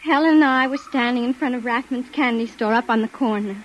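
An actress playing a sassy young working-class nursemaid in an old-time radio drama. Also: female voice, fairly high pitch, brisk, dull audio, slight background noise, close to an everyday voice. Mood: distraught.

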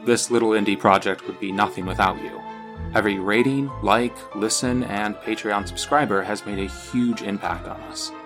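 A man's voice: lowish voice, moderate pace, music in the background. A man, the show's creator, reading credits and a grateful outro. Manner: friendly, grateful. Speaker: podcast creator.

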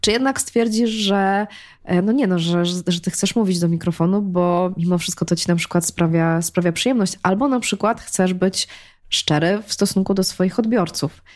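A woman's voice: fairly low pitch, normal speed, a little mellow. A woman speaking as a podcast guest in casual conversation, engaged and talkative, often restarting phrases.

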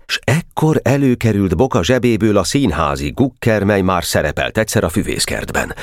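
Male audiobook narrator, very low voice, dry close sound, expressive storytelling. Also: no room sound. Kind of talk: scripted literary narration.

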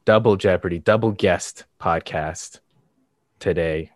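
Male podcast co-host, low register, monotone and casual, recorded dry and close. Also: unhurried, no echo. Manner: monotone, flat delivery.

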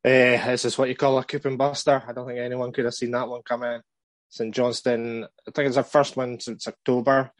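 A man co-hosting a casual fantasy football podcast, giving measured advice with frequent hesitations. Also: medium pitch, level tone, no echo. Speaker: podcast co-host.

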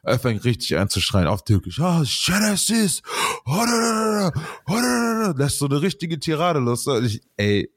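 A man's voice: mid-range voice, lively intonation, normal speed, few pauses, dry recording, clean studio sound. A man casually telling a funny story in slangy street talk, laughing often.

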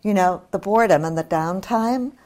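An older woman from New Zealand speaks at a middle pitch as an author in discussion. She is candid and discursive, leaning on key words in a conversational way. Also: moderate pace, mellow.

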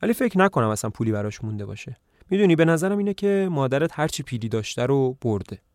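A sly, scheming farmer, voiced by a man reading a play aloud talks in a coaxing, plotting tone, now and then turning sharp. The voice sits at an ordinary middle pitch. It is recorded close and dry, with no room sound. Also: sing-song, no echo. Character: scheming middle-aged farmer son-in-law.

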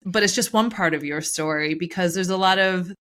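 Canadian woman hosting a podcast, kinda low voice, chatty interview style. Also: a little fast, a bit bright. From Newfoundland, Canada. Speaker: podcast host. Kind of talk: casual conversational interview.

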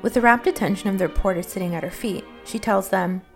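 A woman's voice: medium pitch, quick pace, gravelly. Woman narrating a film essay over music. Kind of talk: scripted narration. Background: music under the voice.

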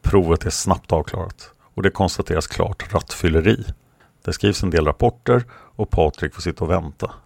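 Brief: male narrator reading from a book, low creaky voice, unhurried, dry sound. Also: dry recording. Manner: steady, plain, occasional hesitations. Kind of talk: reading aloud from a book with commentary.

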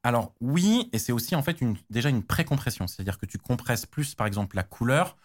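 A man's voice: mid-range voice, lively intonation, a little fast. A man explaining technical standards in casual chat, slangy, with many restarts and fillers. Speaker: tech guest expert.

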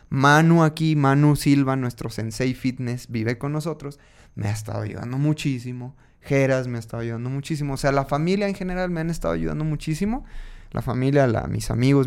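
A man, hosting a casual podcast and telling a personal story in an animated way, voicing his own inner dialogue. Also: mid-range voice, gravelly, clean tone.

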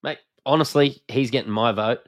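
A man's voice: medium pitch, moderate pace, dry recording. A man from Australia with a broad Australian accent, chatting informally and matily as a sports podcast host with plenty of slang. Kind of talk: casual basketball analysis chat.

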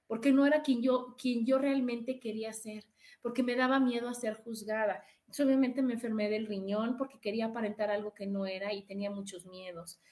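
A woman's voice: a little high, a little mellow. A middle-aged woman with a Mexican accent, hosting a casual motivational talk with a confiding manner, many restarts and fillers. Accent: Mexican Spanish. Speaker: podcast host.

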